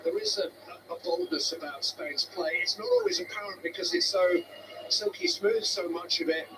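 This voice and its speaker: A man giving measured, analytical live football commentary, heard through noisy broadcast audio. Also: high-pitched, a loud crowd.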